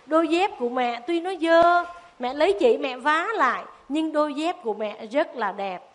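A woman voicing a frightened little boy who pleads and cries in a high, shrill voice. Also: animated, moderate pace. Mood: tender.

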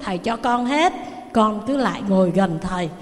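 A woman with a Southern Vietnamese accent voicing a calm, wise old male spiritual master who speaks gently and slowly, in a long reverberant hall. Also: mid-range voice, pitched below the performer's own voice, lightly acted. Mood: gentle.

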